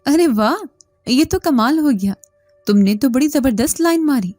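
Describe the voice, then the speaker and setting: A bubbly young college girl who teases her friend and breaks into laughter easily, put on by a woman narrator. The voice sits higher and brighter than the reader's own, with little room sound and soft music playing faintly underneath. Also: animated, normal speed, no room sound. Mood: teasing.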